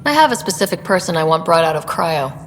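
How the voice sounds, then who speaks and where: A woman playing a composed, supportive young space explorer in a video game, speaking in an earnest, measured way. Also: on the low side, big pitch swings. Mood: composed, businesslike. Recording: reverberant, faint background noise.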